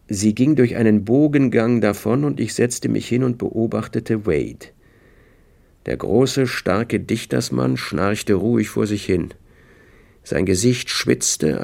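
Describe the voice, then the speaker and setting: A man reading a hard-boiled crime novel aloud as an audiobook narrator, with steady, dry storytelling. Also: fairly low pitch, gravelly. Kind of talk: scripted narration.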